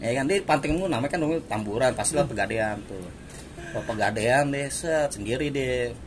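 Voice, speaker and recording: A man's voice: medium pitch, fairly quick, background noise. A man telling school-day stories in a casual chat, acting out quoted exchanges and laughing often. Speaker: guest storyteller.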